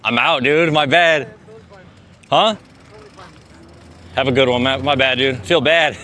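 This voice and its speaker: A vlogger rides a bike along city streets, chatting to camera in a relaxed, talkative way and saying "dude" frequently. His medium-pitched voice is pushed and bright, his pace slow, with a little hiss or hum in the recording.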